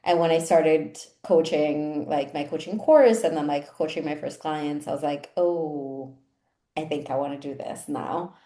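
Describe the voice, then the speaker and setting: Low-voiced woman, roomy echo. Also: unhurried, dark tone. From Italy. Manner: chatty, frequent "like" fillers. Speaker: women's coach, guest. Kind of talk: casual interview chat.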